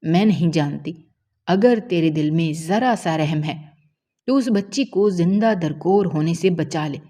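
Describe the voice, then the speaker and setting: Woman doing an old midwife, pleading, tearful, low pitch, mellow, storybook.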